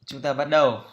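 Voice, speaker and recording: A male teacher leads a pronunciation lesson. He talks at an unhurried, measured pace in a mid-pitched voice. He explains quietly, then repeats each sound and word louder and with care. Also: lo-fi sound. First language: Vietnamese. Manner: slow, deliberate, repeats sounds and words loudly. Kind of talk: pronunciation lesson with drilled repetitions.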